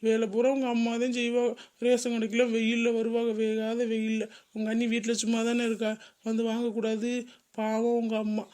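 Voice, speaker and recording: A woman's voice: a little high, monotone, fairly quick, mellow, lightly acted. A woman voicing a greedy, gossipy neighbor in a cartoon comedy. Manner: gossipy, scheming.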